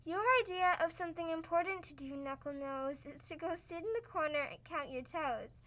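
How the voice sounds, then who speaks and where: A young actress in a school radio play voicing a sardonic doctor who trades dry insults with the husband. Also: female voice, very high-pitched, normal speed, fairly bright tone. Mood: mocking. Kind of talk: old-time radio comedy acting.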